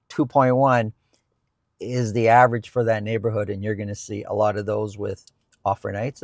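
Gravelly-voiced man chatting in a parked car. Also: fairly low pitch, a little mellow, no echo, studio quality. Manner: explains with frequent restarts and repeated words. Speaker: real estate agent and co-host. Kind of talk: casual Q&A chat. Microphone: lapel mic.

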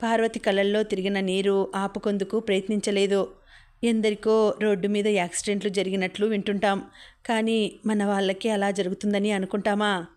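A woman reading a story aloud as an audiobook narrator, in a steady, even storytelling manner. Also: medium pitch, moderate pace, smooth. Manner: even, steady reading, voicing characters' lines within the story.

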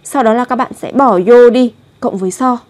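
A woman teaching a language lesson, explaining grammar and pronunciation and slowly repeating example words. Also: on the high side, a little mellow.

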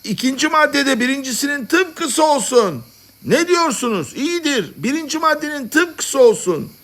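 A man doing a shrill, rabble-rousing lunatic leader. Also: sing-song, normal speed, a bit bright, full character voice. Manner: high-pitched, orating to a crowd.

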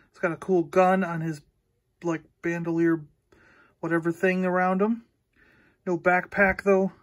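A man's voice: sits high, fairly bright tone, slight background noise. A man hosting a casual toy unboxing, rambling easily as he handles the pieces and talks through them. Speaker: toy reviewer and podcast host.

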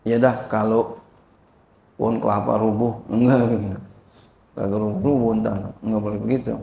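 A man teaching an informal religious lesson, slowly explaining a classical text, checking understanding and chanting Arabic phrases. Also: flat delivery, gravelly, dark tone. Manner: slow and repetitive, frequent "ya" and "paham?" checks, chants Arabic phrases higher. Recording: echoey room.

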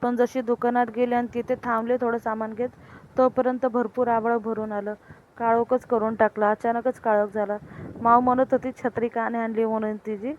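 A woman's voice: fairly high pitch, flat delivery, normal speed, narrow, tinny audio, slight background noise. A woman chatting casually on her family vlog as she walks home and then talks with her young daughter at home. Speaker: vlogger and mother. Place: outdoors on a village path, then at home.

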